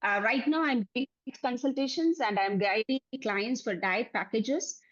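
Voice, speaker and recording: A woman's voice: fairly high pitch, measured pace, lo-fi sound. A woman in her forties from Kerala with a Malayali accent, giving a personal presentation about her working life as a dietitian. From Kerala, India. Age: 40s. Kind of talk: personal presentation recounting a career journey.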